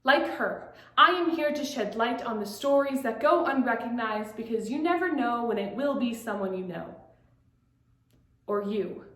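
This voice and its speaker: A teenage girl with a high voice performs a dramatic monologue for competition. She moves from bright, playful storytelling to hushed, fearful passages. The sound is roomy and echoey. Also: expressive, normal speed. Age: teens. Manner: shifts between bright storytelling and hushed dread. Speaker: student competitor.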